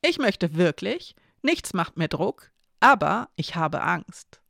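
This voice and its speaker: A nervous young woman in a spoken story, hesitant and then a little hasty, with a playful edge, as a reader puts her on. The voice has a gravelly, creaky grain, and the recording is close and dry. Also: medium pitch, big pitch swings, slow pace, a bit bright, no room sound, full character voice. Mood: candid.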